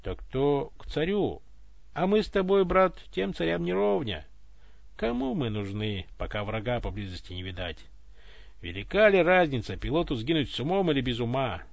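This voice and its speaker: A man voicing a rough-spoken space fleet pilot with a blunt, coarse manner, on a dull, dry recording. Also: medium pitch, very animated, normal speed, dry recording. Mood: glum.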